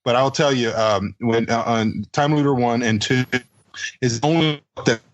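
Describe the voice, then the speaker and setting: Guy on a call telling a story, teasing his buddy, normal pitched voice. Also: moderate pace, dry recording. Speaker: co-author guest. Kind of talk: casual remote interview chat.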